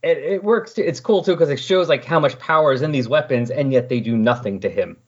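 This comics podcast host has a husky, mid-range voice and moves briskly. He recaps comic books in a loose, rambling way, tossing in lively paraphrased character dialogue as casual asides, all captured in a dull, lo-fi recording.

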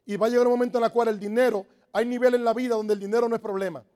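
A Dominican network marketing speaker with a strikingly high, dark voice races through a motivational talk to a live audience, his tone steady. He hammers each point by repeating it, pushing the crowd with emphatic, preacher-like exhortation.

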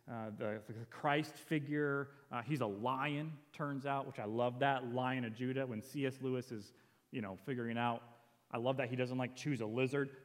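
A man's voice: medium pitch, in a large hall. A man preaching a sermon as a pastor, earnest and conversational, quoting lines as he goes. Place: church sanctuary.

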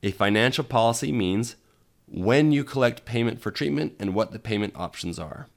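A man's voice: medium pitch, expressive, moderate pace, gravelly. A man hosting a podcast in a conversational way, his voice scratchy from being under the weather. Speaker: podcast host. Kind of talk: conversational solo podcast talk.

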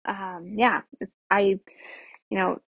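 A woman's voice: mid-range voice, fairly even intonation, takes it slowly, husky, no room sound, dull audio. A woman in her thirties hosting a podcast as a dietitian, talking in an upbeat, chatty, friendly way. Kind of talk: casual podcast chat.

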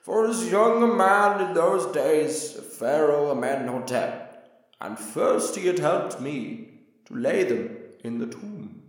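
A man voicing a very old, frail man who speaks high and slow. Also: expressive, heavy reverb, long reverb tail, rough recording. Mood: quavering.

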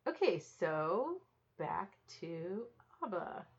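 Woman, podcast co-host, dry teasing chat, lowish voice, muffled lo-fi sound. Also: very animated, drawn-out words, slightly rough. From United States. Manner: dry, teasing, leads the talk. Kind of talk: casual chat. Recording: dull lo-fi sound.

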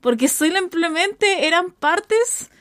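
A woman's voice: very high-pitched, lively intonation, takes it slowly, fairly bright tone, dry recording, clean studio sound. A woman with a Chilean accent chatting casually and expressively as a podcast co-host, giving her opinions.

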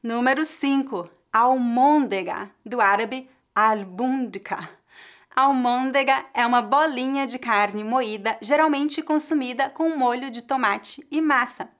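Slow-speaking Brazilian woman teacher. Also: high-pitched. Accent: Brazilian Portuguese. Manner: careful, deliberate pronunciation drills. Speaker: language teacher. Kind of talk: clear, slow language lesson.

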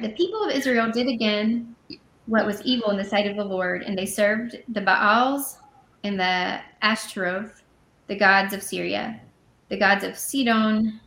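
A woman co-hosting a conversational Bible study podcast. She reads scripture aloud and then unpacks it in a relaxed, chatty way, with fillers and quick self-corrections. Her voice has a gravelly edge, and the room gives it a noticeable echo. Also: medium pitch. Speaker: podcast co-host. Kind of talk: casual Bible study reading and commentary.

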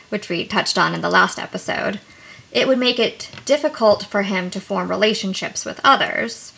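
A woman therapist co-hosting a podcast, explaining things in a calm, measured way. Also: mid-range voice, vocal fry, breathy edge.

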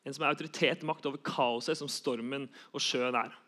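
A man's voice: medium pitch, steady tone, pushed and bright. A young man giving an earnest sermon, repeating key phrases for emphasis. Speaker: preacher.

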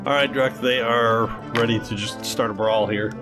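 A male game master narrates a tabletop game in casual fashion. His voice sits at an average pitch. Music is clearly audible behind him. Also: steady tone, moderate pace.

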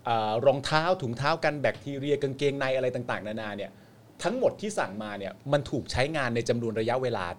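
A man's voice: mid-range voice, animated, fast talker, a little hiss or hum. A man co-hosting a casual talk show, chatting colloquially, asking questions and repeating phrases for emphasis. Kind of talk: casual chat and commentary.

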